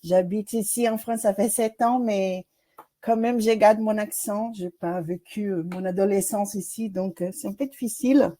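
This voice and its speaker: A woman's voice: medium pitch, steady tone, moderate pace, dark tone. A woman from Brazil, a doctoral student with a Brazilian accent and Portuguese as her first language, presenting her research in a webinar over a video call, hesitant with many fillers.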